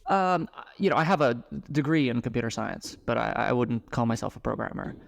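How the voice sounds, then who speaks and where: A startup founder in his thirties talks about his work in a casual podcast interview, his medium-pitched, gravelly voice halting and full of fillers and restarts. He grew up abroad and moved to the US at eleven.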